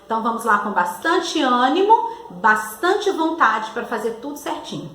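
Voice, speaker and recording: A Brazilian woman teaching third graders in a recorded class, drawing out each word in a slow, sing-song teacher voice. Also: high voice, big pitch swings, a bit bright. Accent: Brazilian Portuguese. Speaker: primary school teacher. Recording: echoey room with faint noise.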